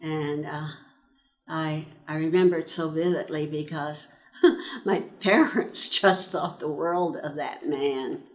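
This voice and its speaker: A deep-voiced World War II army nurse veteran, now in her nineties and from eastern Pennsylvania, USA, looks back on her nursing years during an oral-history interview. Her storytelling is slow and thoughtful, broken by frequent pauses.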